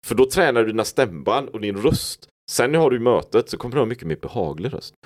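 A man's voice: medium pitch, animated. A man hosting a podcast, telling stories and musing in a rambling, reflective way. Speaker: podcast host. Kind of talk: casual podcast conversation.

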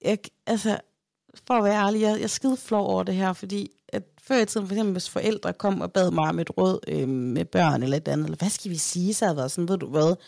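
A woman's voice: medium pitch, creaky, darkish tone, no echo, clean studio sound. A woman in her thirties, a podcast co-host, chatting casually and candidly, telling stories about her children and acting out their voices. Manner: candid storytelling, acts out her kids' voices. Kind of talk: casual chat.

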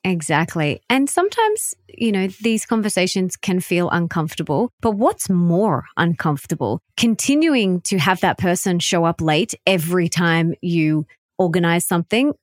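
A woman's voice: lowish voice, lively intonation, normal speed, no room sound, clean studio sound. A woman hosting a podcast, talking in an earnest, encouraging way. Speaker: podcast host. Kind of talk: conversational interview.

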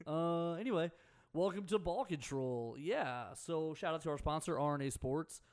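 A young man from the Houston area of Texas hosts a local sports radio show, keeping the chat casual with loose banter, jokes and asides. His voice sits a little high, clear and resonant, at a moderate pace.

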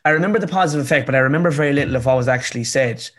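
An Irish author in his twenties, from rural County Cavan, speaks very fast in a mid-range voice while being interviewed. His rural accent carries an earnest, emphatic conversational telling of his story, full of phrases repeated for effect.

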